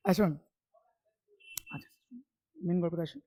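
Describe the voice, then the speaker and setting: A man's voice: high voice, lively intonation, warm tone. A male commerce tutor giving an informal classroom lecture, talking to students in a familiar, teasing way and often asking if they follow. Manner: chatty, keeps checking understanding with quick questions.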